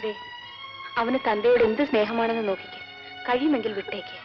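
A woman playing a gentle, coaxing lady of the house. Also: a little high, brisk, natural voice. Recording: dull old film soundtrack with music.

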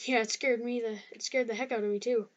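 A woman's voice: a little high, steady tone, fast, muffled recording. A young woman casually chatting while playing a game, hesitant and restarting her sentences. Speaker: gaming youtuber. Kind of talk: casual gameplay chat.

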